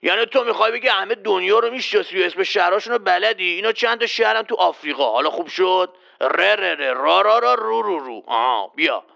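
A performer voicing a gruff, boastful man in a children's quiz skit, bossy and quick to threaten the host. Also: medium pitch, animated, bright, forceful tone, highs cut off, full character voice. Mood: cocky. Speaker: quiz contestant.

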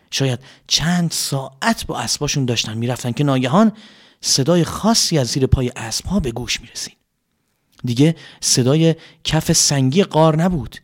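A man telling a story to children, lively with hushed whispered passages and spoken sound effects. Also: medium pitch.

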